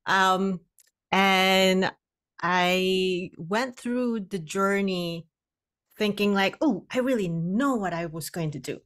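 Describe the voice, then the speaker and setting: A woman's voice: mid-range voice, slow pace, a bit bright. A middle-aged woman from Indonesia, telling her story as a podcast guest over a video call, candid and often laughing between phrases. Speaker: guest, hypnotherapist and coach. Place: home room, indoors. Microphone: podcast microphone on video call.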